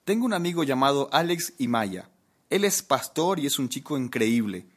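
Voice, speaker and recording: Keeping a moderate pace in a medium-pitched voice, a preacher recounts an amusing story with lively energy. He turns to his listeners with questions as the humorous sermon goes on.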